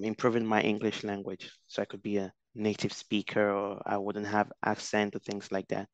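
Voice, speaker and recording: A young Nigerian researcher, appearing as a guest interviewed over a video call, speaks thoughtfully through a headset with many restarts and fillers. His fairly low voice is smooth, and the recording is dry.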